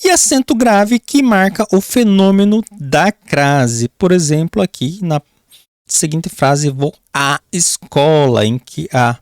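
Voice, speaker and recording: A man with a Brazilian accent teaching a grammar lesson for an exam, often calling the class "pessoal" and drawing out key words slowly while he writes on a board. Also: sits high, lively intonation, darkish tone, no room sound, studio quality. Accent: Brazilian Portuguese. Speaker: Portuguese teacher.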